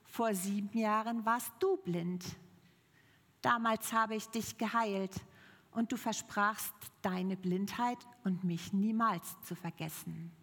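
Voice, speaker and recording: A woman voicing Life, a calm wandering healer. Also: medium pitch, slow, big-room sound. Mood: reproachful.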